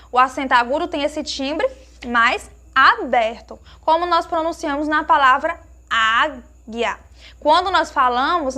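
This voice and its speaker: A woman teacher giving a lesson to young children, asking them questions and slowly sounding out each word she explains. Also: sits high. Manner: slow emphatic sounding-out of words; warm diminutives, asks pupils questions.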